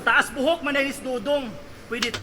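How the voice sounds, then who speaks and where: A man performing a battle rap verse, taunting his opponent with punchy lines and shouted punchlines. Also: extremely high pitch, steady tone, moderate pace, a little hiss or hum. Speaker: battle rapper.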